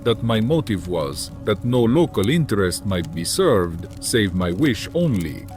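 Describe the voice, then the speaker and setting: Sinister old vampire count, super slow n formal, swoopy intonation, audiobook drama. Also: male voice, lowish voice, sing-song, darkish tone, faint music behind. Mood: measured, explaining. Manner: formal, deliberate, archaic phrasing with lingering pauses.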